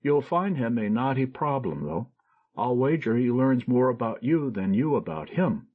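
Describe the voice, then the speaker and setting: A man's voice: mid-range voice, big pitch swings, normal speed, narrow, tinny audio. A man voicing a cheerful, teasing young friend in an audiobook. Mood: genial. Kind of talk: audiobook character reading.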